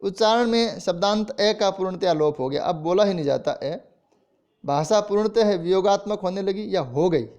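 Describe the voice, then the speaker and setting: A man's voice: high voice, darkish tone. A man with a Rajasthani Hindi accent giving a college lecture on the history of the language, explaining step by step and sounding out words to show how they are pronounced. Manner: explains slowly, demonstrates pronunciation aloud. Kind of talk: classroom lecture.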